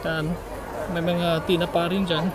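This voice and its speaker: Walking through a packed open-air market, this Filipino man vlogs on a phone at arm's length, his somewhat high voice level in tone and a little slow. His talk is chatty and meandering, full of fillers, with heavy crowd noise around him.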